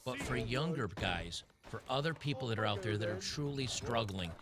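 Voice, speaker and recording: A man in his fifties rants in a frustrated, sarcastic, rambling way. His mid-pitched voice has a gravelly edge. A busy mix of game sounds and voices plays behind him. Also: animated, normal speed, crowd noise. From Tennessee, USA. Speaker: commentator. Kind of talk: ranting commentary.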